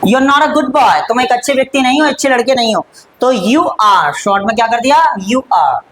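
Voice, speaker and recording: A man with an Indian accent teaching English, repeating phrases slowly and coaxing his students. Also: very high voice, expressive, fairly bright tone, poor audio. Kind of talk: classroom-style lesson, drilling phrases.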